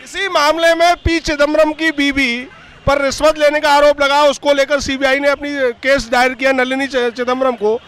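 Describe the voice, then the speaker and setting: A man's voice: extremely high pitch, flat delivery, moderate pace, fairly bright tone. A man reporting out on a city street, firing pointed, leading questions at passersby. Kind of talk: vox-pop street interview.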